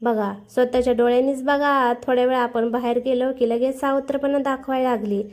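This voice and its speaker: A woman voicing a sharp-tongued older aunt who accuses and scolds in a raised voice. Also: high voice, steady tone, a little fast, lightly acted. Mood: accusing. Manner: scolding, raising her voice.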